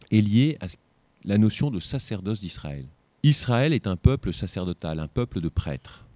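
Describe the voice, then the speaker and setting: Tired man with a mellow low voice. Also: no echo. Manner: digressive, joking asides while reading scripture. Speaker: Bible teacher. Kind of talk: informal Bible lesson.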